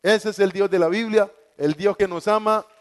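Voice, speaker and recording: A man's voice: high voice, fairly even intonation, normal speed. A man giving a fervent evangelical testimony, repeating key words for emphasis. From Colombia.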